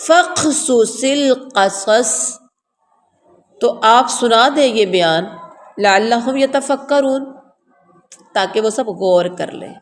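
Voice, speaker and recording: A woman's voice: a little high, expressive, long pauses. A woman teaching a word-by-word translation lesson to a class, explaining, repeating words and quizzing her listeners. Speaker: Quran teacher. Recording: long reverb, faint ambient noise.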